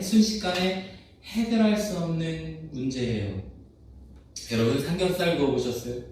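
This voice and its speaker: A man preaching a Sunday sermon as pastor, talking to the congregation with lively questions and acted-out bits of everyday speech. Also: a little high. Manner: animated, questions the congregation, acts out quoted voices. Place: church sanctuary. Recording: echoey church sanctuary, mic at a distance.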